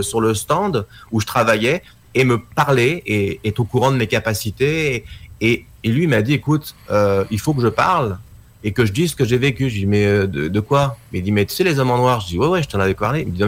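A man's voice: medium pitch, brisk. Middle-aged man telling a story. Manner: animated storytelling, acts out quoted dialogue. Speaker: guest documentary maker. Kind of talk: casual spoken storytelling.

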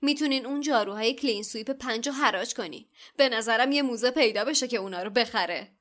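A woman's voice: mid-range voice, fairly bright tone, close to an everyday voice. A woman voicing a smug, spoiled rich schoolboy with a sneering, self-satisfied manner.

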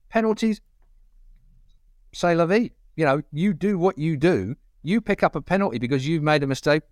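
A man's voice: mid-range voice, no echo. Give me a middle-aged Essex man, an emphatic, plain-spoken pundit, recorded dry. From Essex, England. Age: middle-aged or older. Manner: blunt, colloquial, emphatic. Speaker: motorcycle racing pundit. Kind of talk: opinionated casual panel talk.

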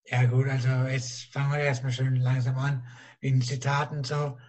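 A man guest in a casual interview, speaking with a rough, strained voice and a halting way of repeating himself. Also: mid-range voice, flat delivery, darkish tone.

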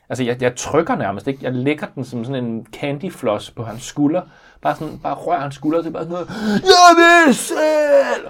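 A man, chatting casually as a podcast co-host and acting out his stories. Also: on the high side. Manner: animated storyteller, acts out scenes in a raised voice. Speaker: podcast co-host, father of a toddler. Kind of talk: casual chat.

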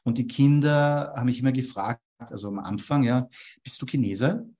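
A man's voice: mid-range voice, normal speed, dark tone. A young man from Vienna, explaining copywriting ideas as an interview guest and checking in with a questioning "ja?" after his points. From Austria. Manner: tags statements with a questioning "ja?".

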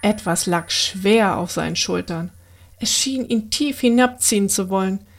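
A woman reading a children's bedtime story aloud in a gentle, expressive way. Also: mid-range voice, measured pace, soft background music.

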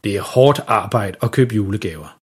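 A middle-aged man narrating a children's Christmas story with an expressive delivery. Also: fairly low pitch, slightly rough.

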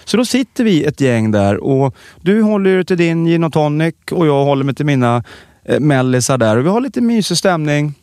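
A man co-hosting a podcast, chatting casually and telling stories with animated delivery. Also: no echo, studio quality. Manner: animated storytelling, lively pitch. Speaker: podcast co-host. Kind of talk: casual chat.

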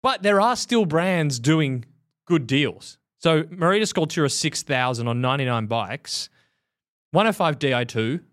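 A man's voice: fairly high pitch, animated, measured pace, fairly bright tone. A man co-hosting a cycling podcast, talking in blunt, casual chat and laughing often. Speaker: podcast co-host.

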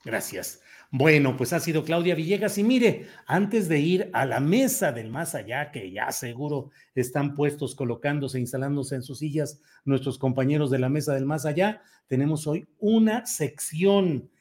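A man hosting a news show, presenting conversationally in a halting, wordy way with repeated phrases. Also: fairly high pitch, expressive, darkish tone.

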